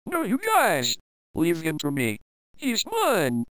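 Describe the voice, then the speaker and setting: A woman's voice: fairly low pitch, huge pitch swings, slow, very noisy, heavily acted. A woman voicing a defiant young hero who heatedly refuses to be controlled, in a fan audio drama.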